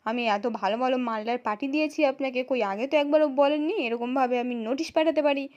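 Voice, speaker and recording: A woman's voice: sits high, fast, a little mellow, dull audio, lightly acted. A woman with a West Bengal accent voicing a greedy, scheming middle-aged woman who speaks sharply and impatiently.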